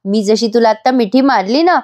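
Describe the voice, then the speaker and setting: Woman narrator voicing a sister-in-law, young, apologetic, earnest, coaxing, higher pitch. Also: animated, normal speed, a little mellow, lightly acted. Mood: warm. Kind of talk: voice-over recap reading a character's lines.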